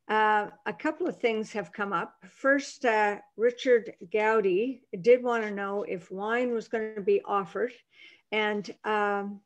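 Woman webinar moderator, unhurried and hesitant, mid pitch, computer mic. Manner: slow, halting, many fillers. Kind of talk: hosting a Q and A webinar.

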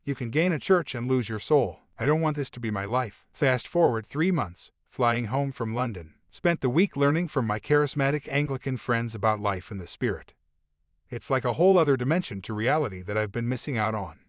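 Male audiobook narrator, mid-pitched, steady first-person read, dry close sound. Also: fairly quick, dry recording. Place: voice-over.

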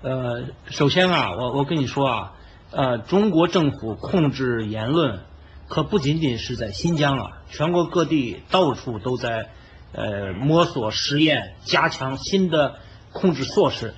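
A man's voice: medium pitch, expressive, a little slow. A male commentator heard over a phone line, answering an interview question directly and explaining point by point. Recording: lo-fi phone recording with faint hiss.

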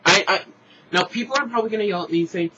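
A man's voice: high voice, fast, dull audio, very noisy. A man rambling frankly through a casual vlog review, restarting and correcting himself as he goes. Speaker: show reviewer. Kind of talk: casual opinionated vlog commentary.

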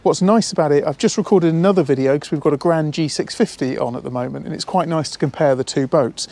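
A man's voice: fairly high pitch, quick pace, dark tone. Upbeat man touring a boat outdoors. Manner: enthusiastic, with frequent fillers and repeated words. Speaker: boat salesman. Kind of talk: walkthrough tour. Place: outdoors on a marina pontoon and aboard a boat. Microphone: handheld camera, speaker walking around it.

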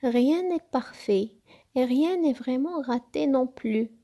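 A woman voicing a wise, calm little boy fox who talks gently and reassuringly in a storybook. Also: high-pitched, takes it slowly, voice pushed up, full character voice. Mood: gentle.

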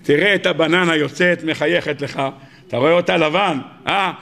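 A man preaching a sermon as a rabbi, animated and emphatic, acting out voices in his stories. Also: vocal fry. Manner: animated preaching, rising to high emphatic peaks and acting out dialogue.

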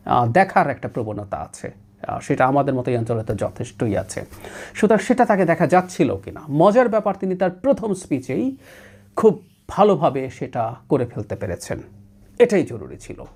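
A male political commentator from Bangladesh, speaking alone on his own show. His pitch swings widely as he stresses his points, and he drifts between languages mid-sentence in an emphatic, analytical way. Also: darkish tone, breathy edge. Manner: emphatic, often slips English phrases into his talk.

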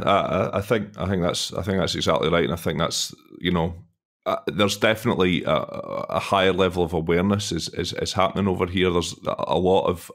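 A man from the UK hosting a podcast interview, talking hesitantly with many repeated words. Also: low voice. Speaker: podcast host. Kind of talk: conversational interview.

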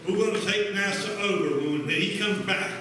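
A man's voice: sits high, normal speed, a bit bright, slight background noise. A man leading a church service, exhorting fervently with frequent hallelujahs and then praying. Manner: fervent, exclamatory, punctuated with hallelujahs. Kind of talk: spontaneous church exhortation and prayer. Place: church sanctuary. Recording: echoey hall, distant mic, congregation. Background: congregation calling out responses.

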